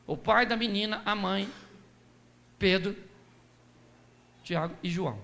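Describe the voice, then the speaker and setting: A man preaching a lively sermon in a Brazilian accent, telling the story with jokes and acting out the people in it. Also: high voice, slow pace, vocal fry. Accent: Brazilian Portuguese. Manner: animated storytelling, acts out quoted voices, jokes. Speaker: pastor. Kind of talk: lively sermon with humorous asides.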